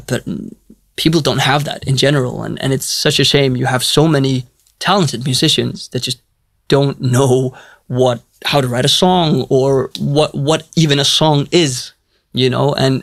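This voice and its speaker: Gravelly young man, reflective. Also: mid-range voice, fairly bright tone, no room sound. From Iceland. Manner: hesitant, restarts often, reflective. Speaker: musician guest. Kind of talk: casual interview talk.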